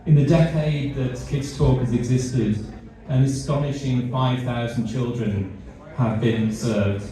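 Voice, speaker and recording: A middle-aged British man, a charity CEO, gives a fundraiser speech with light humour in a large event hall, his medium-pitched voice mellow. He's halting, repeats words, and pokes fun at himself. The hall echoes, and the mic sounds distant.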